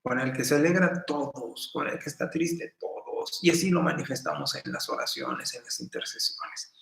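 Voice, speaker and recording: A middle-aged man with a Mexican accent preaching a sermon in a folksy, storytelling way, with sudden bursts of loud emphasis. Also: fairly high pitch, wildly swooping pitch, normal speed, creaky. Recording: roomy echo.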